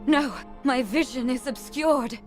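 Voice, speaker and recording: A woman's voice: high-pitched, unhurried, faint music behind. A woman playing a wise, grave fairy lady in a video game, speaking in a stately and dramatic manner. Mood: troubled, grave. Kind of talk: video game character acting.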